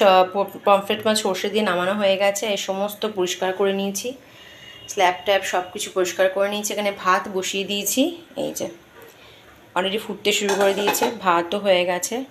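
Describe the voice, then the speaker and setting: A woman chatting casually to viewers in a home vlog, her voice congested from a cold and a sore throat. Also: medium pitch. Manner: chatty, talks to viewers while showing around. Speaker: vlogger. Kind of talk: casual daily vlog chat. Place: home kitchen. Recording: roomy echo, faint background noise.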